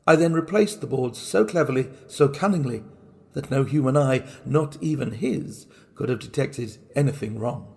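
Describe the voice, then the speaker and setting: A man playing a mad, guilt-racked murderer, telling his horror story in a theatrical, intense and deliberate manner. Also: medium pitch, gravelly, a little mellow, natural voice. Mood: cold, smug. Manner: theatrical, deliberate, intense, broken into short phrases. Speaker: reader of a classic horror story. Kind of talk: dramatic first-person storytelling.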